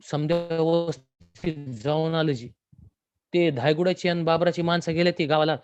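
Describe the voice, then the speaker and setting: A man's voice: a little high, steady tone, normal speed, darkish tone, clean tone, voice pushed up, close to an everyday voice. Man doing a defiant laborer. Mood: pleading. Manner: blunt, indignant. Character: defiant poor rural laborer man, proud.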